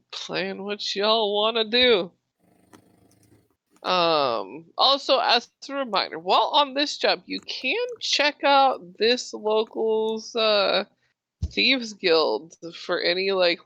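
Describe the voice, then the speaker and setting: Bright, unhurried game master. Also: mid-range voice, expressive, dry recording, dull audio. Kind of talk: casual tabletop game chat.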